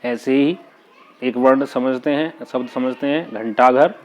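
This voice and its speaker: A man teaching a lesson on pronunciation, speaking slowly and carefully, spelling out each example word. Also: medium pitch, lo-fi sound. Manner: slow, deliberate, over-articulating example words. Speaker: Hindi teacher. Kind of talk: lecture on pronunciation.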